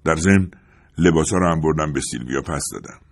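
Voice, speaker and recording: A man reading an audiobook, voicing a brusque, guarded young husband who speaks in short, clipped remarks. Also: a bass voice. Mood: curt. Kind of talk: audiobook character voice.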